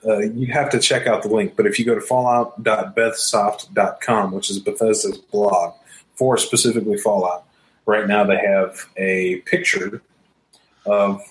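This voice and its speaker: Excitable rambling man on a podcast. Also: fairly low pitch, low-quality recording. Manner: excitable, rambling, laughs often. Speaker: podcast co-host. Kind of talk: casual podcast chat.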